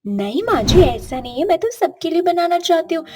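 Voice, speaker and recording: Woman voicing a very high, meek young bride. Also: sing-song, fairly quick, darkish tone, faint music behind. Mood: pleading. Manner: pleading, polite. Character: meek young daughter-in-law who loves cooking.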